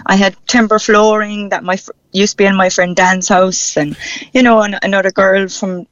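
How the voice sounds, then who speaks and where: A woman with a Cork accent talks casually and brightly in spirit, full of local turns of phrase, as a musician being interviewed. Her pitch is mid-range. The sound is a dry but muffled, band-limited phone call. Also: level tone, moderate pace, dry recording. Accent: Cork Irish. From Cork, Ireland. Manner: chatty, colloquial, upbeat.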